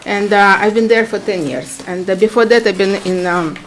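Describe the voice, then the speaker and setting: A middle-aged woman with a Ukrainian accent speaks at a town meeting microphone. She talks in a chatty, halting way, with plenty of fillers and easy laughter, over a faint background hiss. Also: mid-range voice. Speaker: applicant at a public hearing. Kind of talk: informal testimony at a town meeting. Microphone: standing microphone.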